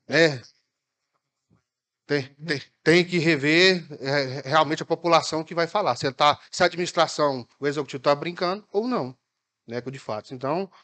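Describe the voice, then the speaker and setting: A man with a Minas Gerais Brazilian accent, speaking as a city councilman in a formal session, halting and measured, with many fillers. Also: a little high, fairly bright tone. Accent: Brazilian Portuguese, Minas Gerais. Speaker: city councilman questioning officials. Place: municipal council chamber.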